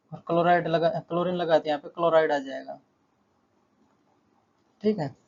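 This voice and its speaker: A man's voice: a little high, darkish tone, muffled recording. A male chemistry tutor explaining a lesson at a board, steadily repeating terms and counting aloud.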